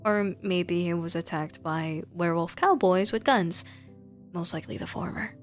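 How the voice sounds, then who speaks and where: A woman with a lowish voice and normal pace livestreams a horror game, moving between casual, playful chat and reading the game's text aloud. Music plays in the background.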